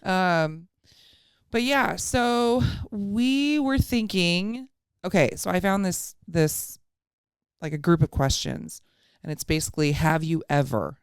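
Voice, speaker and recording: A woman's voice: lowish voice, takes it slowly, clean tone, no echo, studio quality. A woman podcast co-host chatting casually in a playful, informal way. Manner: playful, chuckles often. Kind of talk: casual chat.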